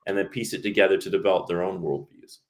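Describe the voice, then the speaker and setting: A man in his fifties with a very low voice hosts an interview. He asks long questions slowly and deliberately and answers his guest with warm affirmations. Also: fairly even intonation. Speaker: host. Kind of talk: conversational interview.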